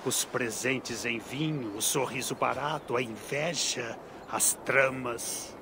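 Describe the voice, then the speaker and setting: An actor playing a proud, suspicious Viking warlord in a video game, slurring like a town drunk. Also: male voice, mid-range voice, takes it slowly, creaky, noisy background. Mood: drunken suspicion. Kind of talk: dramatic video game dialogue.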